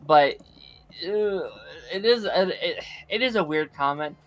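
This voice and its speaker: A man co-hosting a casual chat, voicing frank opinions with halting restarts. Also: fairly high pitch, expressive, rough recording. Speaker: co-host.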